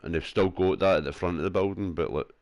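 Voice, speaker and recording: A man's voice: deep voice, steady tone, fast, darkish tone, dry recording. A Scottish man with a headset, chatting loosely and swearing while he plays, with his dog beside him at home. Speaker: gaming streamer. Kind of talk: casual chat while racing.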